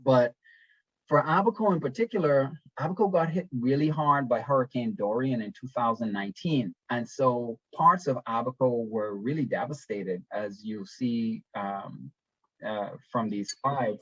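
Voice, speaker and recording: A young man from the Bahamas giving a webinar presentation over a video call, talking in a relaxed, conversational way with frequent ums and restarts. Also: mid-range voice, measured pace, breathy edge, no echo. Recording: dull, dry webinar audio.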